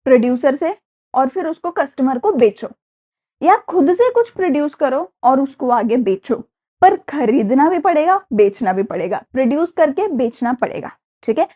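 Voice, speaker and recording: A young woman with an Indian accent delivers a recorded classroom lecture. Her voice sits high yet sounds mellow and soft-edged. She explains patiently, asking rhetorical questions and checking in with her students. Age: young adult. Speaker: teacher.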